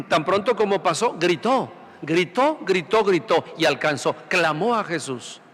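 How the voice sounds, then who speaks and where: A man's voice: high-pitched, lively intonation, a little slow, a bit bright, slightly rough, long reverb tail. A man who is a priest, preaching a Sunday sermon through rhetorical questions and repeated phrases. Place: large church sanctuary.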